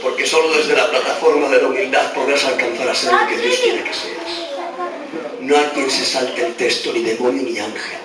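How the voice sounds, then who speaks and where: A man from Extremadura preaching a fiery sermon with a Spain Spanish accent, swinging between shouts and hushed low tones, heard on an old cassette dictaphone recording. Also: big pitch swings, moderate pace, crowd noise. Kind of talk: Pentecostal-style sermon. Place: large church hall. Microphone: handheld dictaphone in the congregation. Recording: echoey hall taped from far off with music. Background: music and congregation responses.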